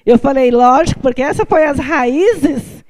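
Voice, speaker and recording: A woman's voice: high voice, a little slow, darkish tone. A woman with a Brazilian Portuguese accent, a prayer group member, giving an earnest personal religious testimony with run-on asides. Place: prayer group meeting room.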